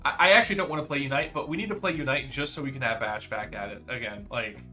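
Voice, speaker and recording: A man's voice: medium pitch, fast talker, bright, forceful tone, soft background music. A young man chatting casually on a gaming stream, rambling and teasing his friend, full of fillers and restarts.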